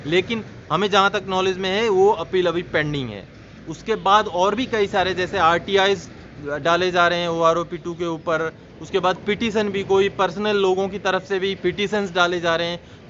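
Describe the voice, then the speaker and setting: A man's voice: high voice, fairly bright tone. A man hosting his own video channel, earnestly explaining an issue and addressing viewers as friends. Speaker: YouTube channel host. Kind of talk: informational vlog address. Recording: slightly dull sound with faint noise.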